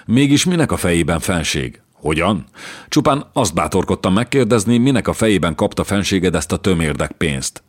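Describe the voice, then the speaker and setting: A man's voice: low-pitched, animated, pitched above the performer's own voice. A man voicing a stooped, thin chancellor who frets and sighs, in an audiobook reading. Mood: fretful. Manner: fretful, sighing.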